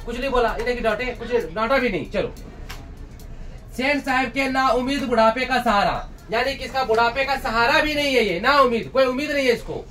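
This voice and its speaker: A man's voice: very high-pitched, a little fast, pushed and bright, recorded from a distance, faint music behind. A man teaches a textbook story. He keeps putting questions to his students, answers them himself and acts out the lines of the characters. The mic sits some way off from him.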